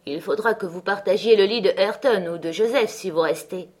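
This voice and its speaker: A woman reading aloud voices a harsh, domineering man who rules a remote farm, speaking forcefully and with scorn. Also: medium pitch, normal speed, close to an everyday voice. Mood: scornful.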